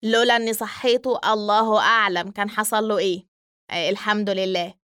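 A woman's voice: mid-range voice, fairly even intonation, fairly quick, a bit bright, clear, resonant tone, no room sound, clean studio sound, natural voice. A woman with an Egyptian accent voicing a loyal young man who soothes his frightened friend. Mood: worried. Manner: soothing, reassuring, urgent.

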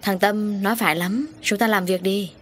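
A woman voicing a blunt, loud-spoken man who leads a crew of dock workers, in an audio story. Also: mid-range voice, fairly even intonation, normal speed, slight background noise, natural voice.

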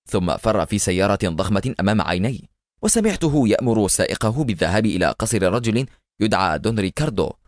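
A man's voice: sits low, dry recording, studio quality. A man voicing a stern, fearless action hero who speaks coldly and mockingly in a storybook reading.

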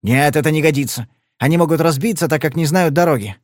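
A man's voice: on the high side, fast, dry recording, clean studio sound, natural voice. A male reader voicing a blunt, scarred thug who growls his threats. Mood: gruff. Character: thuggish, scarred male brawler, blunt and menacing.

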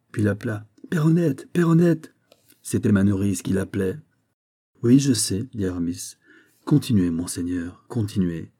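A man reading a novel aloud as an audiobook narrator, measured and even. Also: lowish voice. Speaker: audiobook reader.

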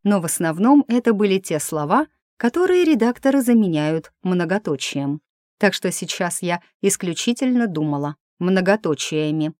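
A woman's voice: fairly low pitch, darkish tone, dry recording, clean studio sound. A woman narrating a first-person audiobook in a wry, ironic manner.

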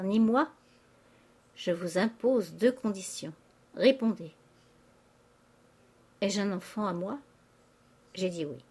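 A woman's voice: medium pitch, darkish tone. A woman reading aloud, voicing a distraught young aristocratic wife making a tearful confession. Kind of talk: audiobook character reading.

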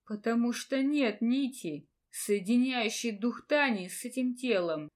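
A woman voicing a detached male elf teacher who speaks calmly and evenly. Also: a little high, lightly acted. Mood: aloof. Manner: calm and measured.

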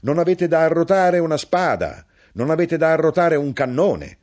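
An actor reading an audiobook voices a young, thin male knife grinder with a slightly raspy voice, who shouts and sneers. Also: fairly high pitch, big pitch swings, normal speed, voice pushed up. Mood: mocking shouts.

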